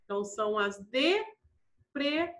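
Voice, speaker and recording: A woman's voice: high voice, very animated, takes it slowly, a bit bright, roomy sound. A woman teaching a primary school class, patiently walking through exercises and often checking in with the children. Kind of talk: classroom lesson walkthrough.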